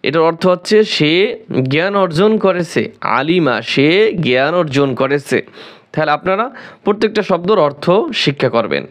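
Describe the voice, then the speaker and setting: A man with a Bangladeshi Bengali accent teaching Quran reading, spelling each syllable out slowly and methodically in a drill. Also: on the high side, animated.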